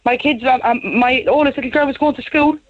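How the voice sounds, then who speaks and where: A woman's voice: high-pitched, fairly even intonation, fast talker. Anxious Irish woman calling in by phone. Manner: pleading, repeats "to be honest". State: anxious and shaken. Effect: heard over a phone line. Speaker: caller. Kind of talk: radio phone-in call. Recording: tinny phone line on radio.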